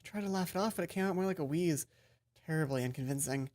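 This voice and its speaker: Reading through a visual novel for her let's play, a woman comments casually as she goes. Her voice sits on the low side and moves fast, she's expressive, and she trips over words now and again and curses, with game music playing.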